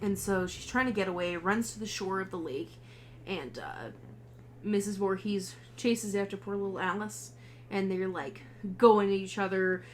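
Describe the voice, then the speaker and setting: Young woman podcast cohost, animated, laughs a lot, acts out lines as she retells a movie. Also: medium pitch, normal speed, slight background noise. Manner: animated, laughing, acting out quotes. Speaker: podcast co-host. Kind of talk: casual chat recapping a film.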